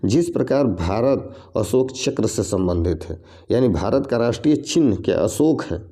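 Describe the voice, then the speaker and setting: A man's voice: medium pitch, lively intonation, moderate pace, dark tone. A man teaching a reasoning lesson for competitive exams, explaining step by step and repeating each question and its options. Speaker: exam coaching teacher.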